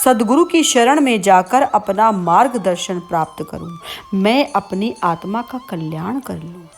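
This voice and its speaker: Slow, calm woman giving a devotional sermon. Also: medium pitch, soft background music. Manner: calm, explanatory, teaches through everyday comparisons. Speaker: religious discourse speaker.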